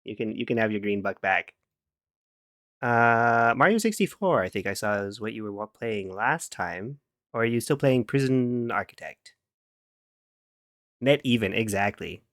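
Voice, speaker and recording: A man's voice: fairly low pitch, animated, a little slow, long pauses, a bit bright, no echo, clean studio sound. Playful man humming through a live stream. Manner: playful, giggly, hums and scats to himself while working. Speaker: streamer chatting with viewers. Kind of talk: casual live-stream chat.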